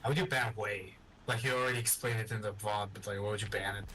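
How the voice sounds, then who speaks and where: A young man chatting casually with his gaming friend, teasing him in slangy, halting speech. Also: on the low side, steady tone, bright, forceful tone, a little hiss or hum. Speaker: friend of the host.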